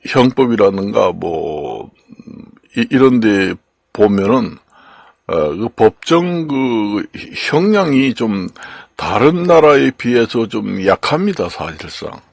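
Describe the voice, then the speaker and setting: An older man from Gangwon Province giving an unscripted lecture as a channel host, slow and halting with many fillers and repeated words. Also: fairly low pitch, sing-song, vocal fry, no echo. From Gangwon Province, Korea. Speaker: channel host explaining law and Chinese characters.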